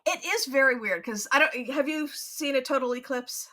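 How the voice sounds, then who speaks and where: A woman co-hosting a podcast in relaxed conversation. Her voice has a bright, clear edge. She talks easily, agrees often and laughs readily. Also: high voice. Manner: agreeable, quick to laugh, frequent yeahs. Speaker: podcast co-host. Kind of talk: casual chat.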